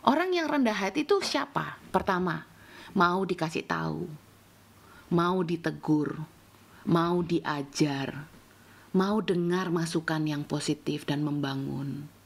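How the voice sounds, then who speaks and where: A middle-aged woman pastor, preaching a sermon and acting out bossy shouts in a high voice. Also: takes it slowly, creaky, pauses often.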